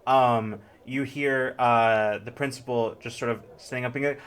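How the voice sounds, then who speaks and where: Male game master for an online tabletop game, easygoing narration, mid pitch. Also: clean tone. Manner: relaxed, filler-heavy narration with quick put-on voices.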